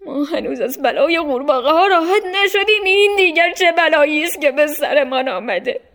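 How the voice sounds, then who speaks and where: A woman voicing a frightened townsperson from an old tale, shouting in shrill alarm during a storybook reading. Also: expressive. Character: panicked, frightened townsperson of ancient times.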